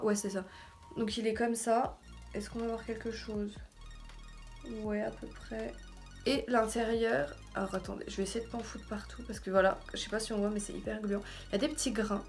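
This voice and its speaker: A woman with a French accent, also on English words, giving an informal, slangy, self-deprecating beauty haul chat. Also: on the high side. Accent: French, heard also in her English. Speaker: beauty vlogger. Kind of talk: casual haul video chat. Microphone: camera in front of her with ring light.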